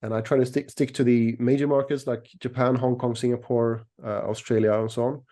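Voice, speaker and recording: A middle-aged Swedish man, an equities analyst and newsletter writer, is a guest in an interview, explaining things conversationally. His medium-pitched voice is mellow and relaxed, and he talks a little fast. He chooses his phrasing carefully and often doubles back on a word.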